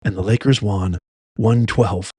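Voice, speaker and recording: A middle-aged man hosting an opinionated commentary, reading news reports aloud and breaking in with blunt, animated asides. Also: fairly low pitch, measured pace, husky, dry recording, clean studio sound. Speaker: host.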